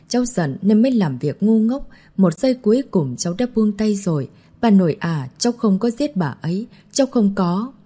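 A woman's voice: mid-range voice, warm tone, husky. A woman reading an audiobook, voicing a young woman who sobs and pleads tearfully. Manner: tearful, wailing pleas.

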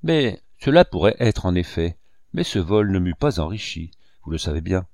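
A man reading the lines of a cold, bitter young male cashier bent on revenge, measured and cutting. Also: sits low, sing-song, darkish tone, dry recording, clean studio sound. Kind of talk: audiobook character reading.

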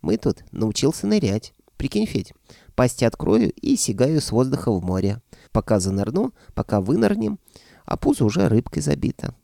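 A man voicing the squeaky, carefree left head of a lazy dragon in an audiobook. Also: big pitch swings, moderate pace, vocal fry, mellow, no room sound, clean studio sound. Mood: gushing. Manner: gushing, carefree. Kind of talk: audiobook character voice.

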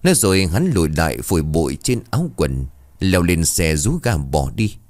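A man reading a story aloud in an expressive, dramatic way. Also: low voice, moderate pace, dry recording. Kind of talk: scripted story narration.

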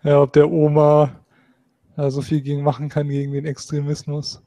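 Flat-voiced man on a podcast. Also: on the high side, normal speed, no echo. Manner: monotone, explains on-screen material. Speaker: podcast co-host. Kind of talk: casual political chat.

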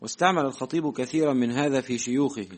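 A man's voice: mid-range voice, racing. A man, a student in a class, reading a classical Arabic text aloud to his teacher and answering briefly. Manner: reads steadily, answers briefly.

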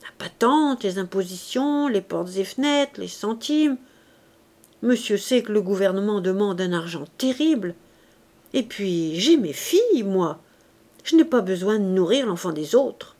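A woman voicing a coarse, grasping innkeeper's wife who talks in a shrill, eager, pleading way. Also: lively intonation, a little slow, a little mellow.

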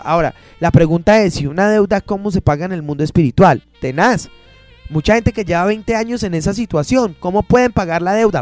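A man's voice: high voice, a little mellow, dry recording. A male pastor preaching a sermon, stopping and restarting his sentences as he explains a Bible passage. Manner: preaching with many pauses and restarts. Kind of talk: radio sermon.

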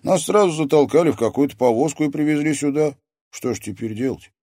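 A man's voice: fairly high pitch, fast talker, mellow, dry recording, clean studio sound, pitched above the performer's own voice, close to an everyday voice. A man doing a bewildered teenage boy. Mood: worried. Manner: anxious, lost.

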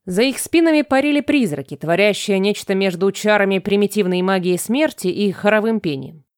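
A woman narrating a fantasy audiobook in an even, measured storytelling manner. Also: mid-range voice, no room sound, clean studio sound.

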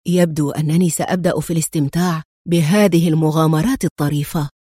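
A woman voicing a calm, sardonic male secret agent who talks in a dry, mildly mocking way, in a storybook reading. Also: on the low side, a little fast, dry recording. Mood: wry.

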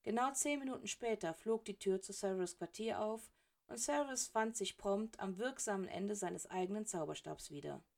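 A woman narrating a storybook audiobook in an even, steady reading voice. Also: mid-range voice, moderate pace, vocal fry.

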